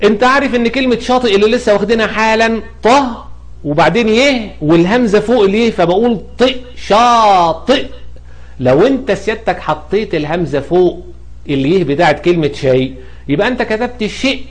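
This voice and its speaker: A man's voice: high voice, animated, quick pace. A man with an Egyptian Arabic accent teaching an Arabic spelling lesson, asking questions and answering them himself. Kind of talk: explanatory grammar lesson.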